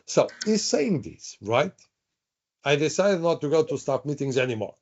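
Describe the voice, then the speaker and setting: A man's voice: on the high side, very animated, moderate pace. Man leading a webinar over call. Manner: chatty, repeats words, asks audience questions. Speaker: webinar trainer. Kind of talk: live online workshop teaching. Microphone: video call. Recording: dull lo-fi online call audio.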